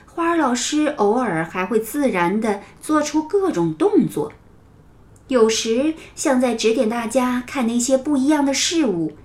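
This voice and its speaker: A woman narrating a children's story in a gentle, expressive storytelling manner. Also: on the high side.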